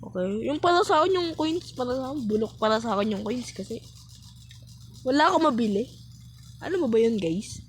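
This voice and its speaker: A woman giving casual, chatty commentary while playing a game, breaking into sudden high exclamations. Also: expressive, fairly quick, slight background noise, poor audio. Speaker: gaming vlogger.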